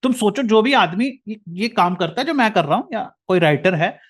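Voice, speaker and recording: A man's voice: sits high, animated, normal speed. A man with an Indian accent giving an earnest lecture, often calling the listener brother. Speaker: motivational speaker.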